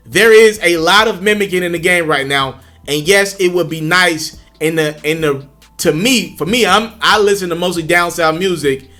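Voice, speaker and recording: High-voiced man giving blunt hip hop commentary. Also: sharp tone. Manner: blunt, conversational, slangy. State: out of breath. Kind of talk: casual reaction commentary. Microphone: earbuds.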